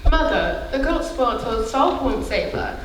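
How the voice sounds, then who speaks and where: A woman playing a cheerful young Yorkshire housemaid, brisk and down-to-earth in broad dialect, in a live stage play. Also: a little high, animated, slight background noise, lightly acted. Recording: echoey theater, mic far off.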